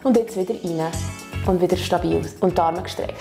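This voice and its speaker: Speaking over music in a lowish, gravelly voice, fairly quickly, a Swiss-accented instructor guides a learner through back and stretching exercises step by step. Her manner is patient and encouraging, and many of her phrases end in a questioning "oder?".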